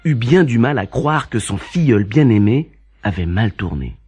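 A man's voice: mid-range voice, big pitch swings, normal speed, a little mellow, slightly rough. A man narrating a scripted storybook tale in French as the narrator.

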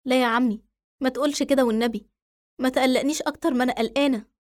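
A woman voicing an anxious young wife with an Egyptian accent, pleading quickly. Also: high-pitched, steady tone, darkish tone, close to an everyday voice.

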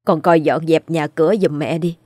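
Woman reading a tired poor mom, soft and gentle, low and quiet. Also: steady tone, normal speed, breathy edge, no echo, studio quality. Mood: tender weary. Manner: soft, sniffling. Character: poor weary middle-aged mother, tender.

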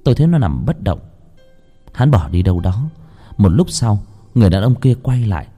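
A man tells a first-person ghost story with strong feeling, his voice dark and mellow. His pitch rises and falls widely as he moves between hushed narration and pleading. Faint music runs quietly beneath him. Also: sing-song, a little fast. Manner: emotional, swinging from hushed to pleading.

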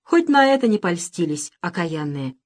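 A practical old village grandmother, as a woman reads her, firm and brisk. She gives orders in a plain, matter-of-fact way. Her lines are read from a storybook. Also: fairly low pitch, big pitch swings.

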